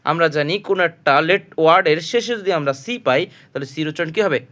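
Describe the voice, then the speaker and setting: A man with a Bangladeshi Bengali accent gives a spoken English pronunciation lesson, his voice sitting a little high. He works patiently and repetitively, spelling words letter by letter. He poses a question to the class and then answers it himself. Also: fast talker, fairly bright tone. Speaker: English teacher.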